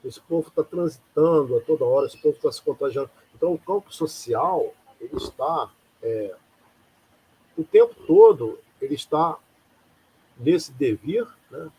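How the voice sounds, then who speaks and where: A man's voice: a little high, expressive, measured pace, mellow, breathy edge, rough recording. A man from Rio de Janeiro giving an informal live lecture in a rambling, conversational way, often asking rhetorical questions. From Rio de Janeiro, Brazil. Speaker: lecturer hosting a live talk.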